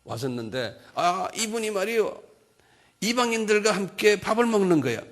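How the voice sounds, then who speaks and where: A man's voice: sits high, big pitch swings, normal speed. A man giving a recorded bible lecture in a colloquial, conversational manner, often checking in with his listeners.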